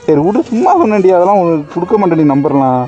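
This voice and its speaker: A man's voice: sits high, expressive, fast talker, muffled recording. A young man with a Tamil accent, chatting casually outdoors with his best friend, teasing her and then coaxing and apologising. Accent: Tamil Nadu. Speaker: vlogger pulling a prank on his best friend. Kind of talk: casual outdoor prank chat.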